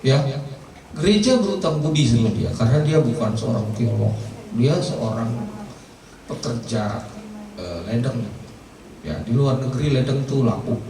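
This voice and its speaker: A man preaching a sermon as pastor, telling stories in casual slang with sudden jumps in pitch. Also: normal speed, pauses often. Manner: lively storytelling, casual slang, wide pitch swings. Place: church hall. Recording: echoey church from far off.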